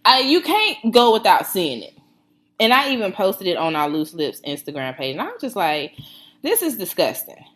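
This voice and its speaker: A woman's voice: fairly low pitch, moderate pace. A woman in her thirties with a Southern US accent, co-hosting a podcast in casual, laughing, slangy chat. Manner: animated, laughing, slangy storytelling. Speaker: podcast co-host.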